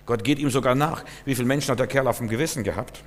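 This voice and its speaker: A man's voice: mid-range voice, rapid-fire. A man preaching a sermon in German, earnest and repetitive, speaking straight to the listener. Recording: long reverb, hall.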